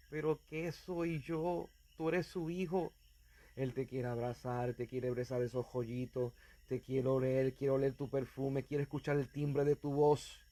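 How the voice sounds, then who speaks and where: A man's voice: medium pitch, warm tone. A man preaching as an evangelist, speaking earnestly and directly to the listener, with fervent emphasis. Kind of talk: sermon.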